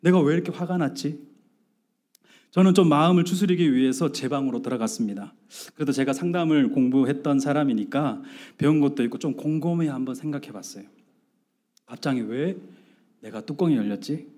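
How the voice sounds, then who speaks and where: A man's voice: mid-range voice, fairly quick, mellow. A middle-aged male pastor preaching a sermon, telling a family story with acted-out dialogue and asking the congregation questions. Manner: storytelling with acted-out dialogue, rising to emphatic outbursts.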